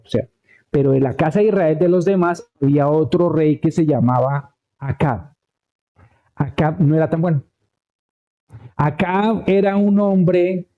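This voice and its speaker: A man's voice: on the high side, highs cut off. A man preaching a conversational sermon, telling a Bible story and checking in with the congregation. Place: church.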